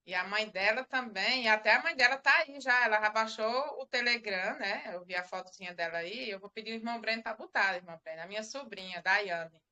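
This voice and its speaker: A woman's voice: fairly high pitch, brisk, hardly any pauses, bright, forceful tone, muffled recording. A middle-aged woman giving a religious testimony on a live stream, rambling and repeating herself as she tells the story. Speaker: church member giving testimony.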